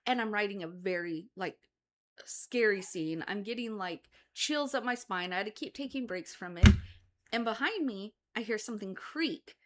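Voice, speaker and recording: A woman's voice: mid-range voice, animated, moderate pace, noisy background. Chatty woman co-host who laughs a lot. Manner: laughs often, chatty storytelling. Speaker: co-host, author. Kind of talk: casual chat.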